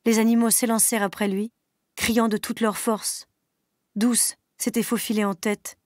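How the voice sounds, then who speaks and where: A woman teacher reading a novel aloud in a steady, even storytelling manner. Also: a little high, normal speed, no room sound, clean studio sound.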